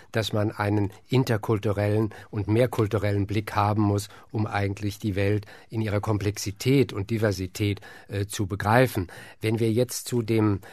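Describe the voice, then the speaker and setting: Low-voiced formal interviewer. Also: male voice, little pitch movement, moderate pace, hardly any pauses, darkish tone, no room sound. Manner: formal and elaborate, long complex questions. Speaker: interviewer, host.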